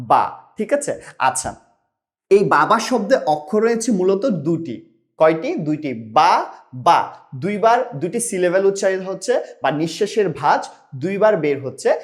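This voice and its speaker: A man giving a recorded grammar lesson, explaining step by step, sounding out syllables slowly and asking questions he answers himself. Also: on the high side. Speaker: grammar teacher.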